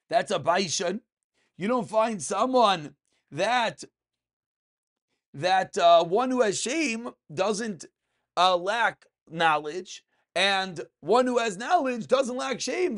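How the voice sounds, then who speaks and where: High-pitched man teaching religious text. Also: lively intonation, slow, fairly bright tone. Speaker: rabbi teaching a daily class. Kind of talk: religious text lesson, reading and translating. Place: small furnished room indoors.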